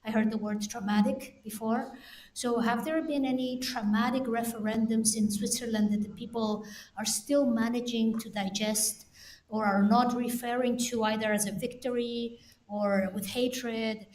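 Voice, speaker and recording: A woman in the audience asks the panel a long, measured question in a somewhat high voice. Her voice carries the echo of a large conference hall. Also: fairly even intonation, darkish tone. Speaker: audience member asking a question. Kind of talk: public Q&A question. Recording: echoey hall.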